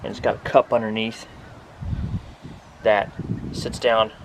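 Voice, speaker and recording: A man's voice: lowish voice, little pitch movement, measured pace, noisy background. A man giving a casual, plain-spoken walkthrough to camera, explaining equipment in an informal, instructive way. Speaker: RV vlogger giving a product walkthrough. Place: outdoors beside a pickup truck bed.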